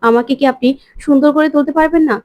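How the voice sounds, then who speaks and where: A woman's voice: high-pitched, fast talker, no echo, highs cut off. A woman retelling a TV serial episode as a story, quoting each character's lines in turn. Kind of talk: storytelling recap with quoted dialogue.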